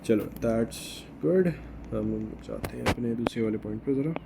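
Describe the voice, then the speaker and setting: A man's voice: mid-range voice, a little slow, creaky. A man teaching a math lesson, explaining step by step and often checking with his students. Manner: mixes Hindi and English, checks understanding with "okay?". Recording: faint background noise.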